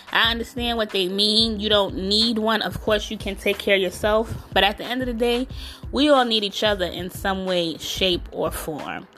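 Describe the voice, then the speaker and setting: A woman speaks close to the mic in a casual solo podcast. She coaches listeners in a frank, emphatic way and fills her speech with "you know". Faint music plays softly behind her. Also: mid-range voice. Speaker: podcast host and self-love coach.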